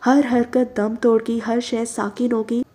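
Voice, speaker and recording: A woman narrating a novel in an expressive, dramatic reading. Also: a little high, measured pace.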